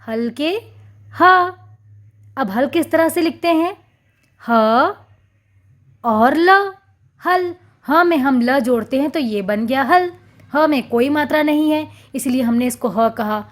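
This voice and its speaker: A woman with a high voice gives a lesson for young children. She speaks very slowly and clearly, drawing out each syllable in a sing-song teaching tone. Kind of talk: children's Hindi lesson, reciting and sounding out syllables.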